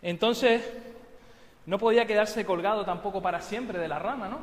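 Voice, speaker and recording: A man's voice: sits high, normal speed. Male pastor preaching in an echoey hall. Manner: storytelling with joking asides. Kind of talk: sermon.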